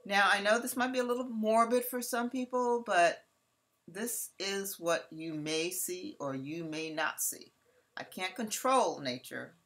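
A woman's voice: mid-range voice, measured pace, fairly bright tone. A woman from California narrating a safari slideshow presentation, talking chattily and straight to her audience. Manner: chatty, addressing the audience directly.

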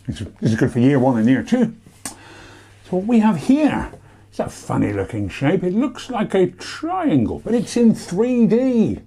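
A man's voice: sits high, wildly swooping pitch, measured pace, mellow, breathy edge. A British man presenting a playful maths lesson for young children, with theatrical, sing-song emphasis. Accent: British English.

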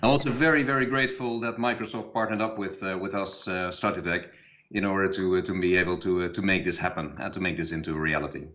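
A middle-aged man speaks over a video call, his voice a touch low and the audio somewhat muffled. He talks in a friendly way, pausing with plenty of fillers. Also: fairly even intonation, pushed and bright, slight background noise. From Netherlands. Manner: friendly, hesitant with many fillers. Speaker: guest company CEO. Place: office with a chair behind.

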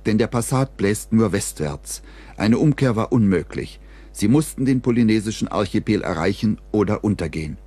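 Husky low-voiced male documentary narrator. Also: lively intonation, normal speed, warm tone.

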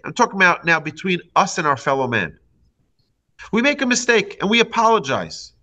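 A rabbi in his forties gives an animated Torah class full of stories, acted-out quotes and hand gestures, with a fairly high voice. He speaks close into a large studio mic on a boom arm, in a small indoor home studio before a plain wall.

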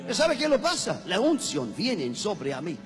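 A man in his fifties preaching a shouted revival sermon in simple broken Spanish, calling out prompts to the crowd and joking. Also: high voice, huge pitch swings, normal speed. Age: 50s. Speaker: guest preacher. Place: large crusade gathering. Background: faint music and crowd.

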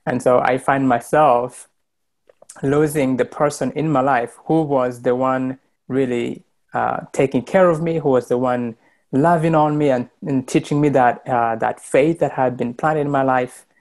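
A man's voice: mid-range voice, fairly even intonation, unhurried, a little mellow. A young man from Rwanda sharing his faith story over a video call, earnest and full of fillers and restarts, speaking into a wired earbud mic in a small room. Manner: earnest, many fillers and restarts, gestures while talking. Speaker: church member sharing testimony. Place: small indoor room with plain wall.

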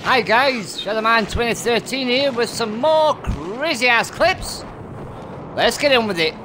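Excitable sweary man gaming. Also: very high-pitched, a little slow. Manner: excitable, swears constantly, taunts enemies, laughs often. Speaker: gamer narrating his clips. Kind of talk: gameplay commentary. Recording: gunfire and music behind the voice. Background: gunfire and music from the game.

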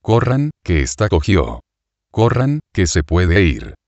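A man narrating an audiobook voices an armed rider urging others to run, in a low voice with a dull, dry sound. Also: huge pitch swings, takes it slowly, dry recording, full character voice. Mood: urgent shouting. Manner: shouting to others to hurry. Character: armed rider leading a mob.

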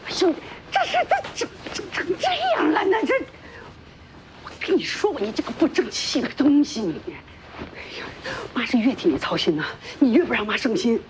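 A fussing older mother, high-pitched and animated, with a Northeastern accent. She scolds and soothes in a lively, swinging voice. Faint noise sits under the TV drama recording. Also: moderate pace. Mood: scolding. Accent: Northeastern Chinese. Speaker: mother of Bingkun. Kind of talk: TV drama acting.

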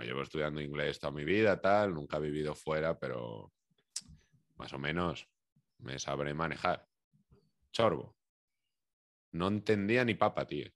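A young Spanish man with a Spain Spanish accent talks through a podcast in a loose, slangy manner. His voice sits extremely low. The recording is dry, with no room sound at all. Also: no room sound. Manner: relaxed and chatty, slangy. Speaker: podcast co-host. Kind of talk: casual chat.

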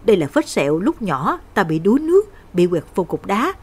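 An earnest older village woman pleading with an old friend, voiced by a woman narrator. Her voice is breathy and lively in pitch. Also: a little fast.

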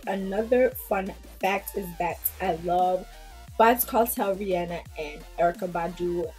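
A woman's voice: medium pitch, dark tone. A woman, talking casually and bluntly to the camera in a small room, now and then dropping into Jamaican patois phrases. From Queens, New York. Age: 20s. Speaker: vlogger. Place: small indoor room before a plain pink backdrop.

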